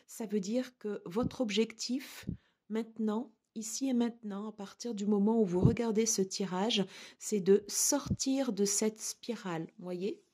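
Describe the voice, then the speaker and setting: A woman giving a tarot card reading to her viewers, speaking gently and reassuringly with frequent hesitations. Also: mid-range voice, measured pace, husky. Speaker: tarot reader.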